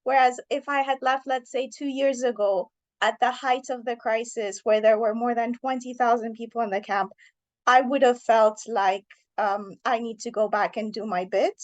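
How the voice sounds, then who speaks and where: A woman's voice: fairly high pitch, steady tone, normal speed. A woman in her thirties, originally from Iran, an author answering interview questions thoughtfully and earnestly.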